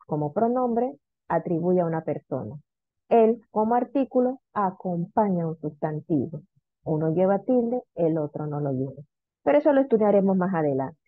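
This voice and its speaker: A woman teacher giving an online lesson, drawing out example words slowly as she repeats them. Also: mid-range voice, dry recording. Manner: slow, drawn-out repetition of example words. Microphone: video call. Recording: dry, phone-like video call audio.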